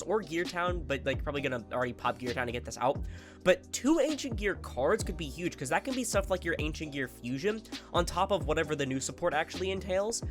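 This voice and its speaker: Nasal and congested from a head cold, a card game YouTuber's voice sits on the high side. He rambles casually through his video commentary, fixing his own mistakes along the way and swearing occasionally.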